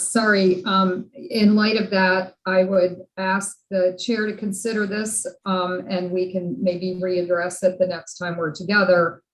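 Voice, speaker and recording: A woman's voice: fairly low pitch, low-quality recording. An American woman legislator speaking off the cuff in committee with a polite, appealing manner. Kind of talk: extemporaneous committee request.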